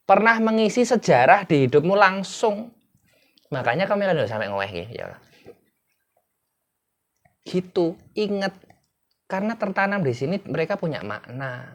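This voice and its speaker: A man giving an explanatory lecture as an English teacher, asking rhetorical questions and answering them himself. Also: a little high.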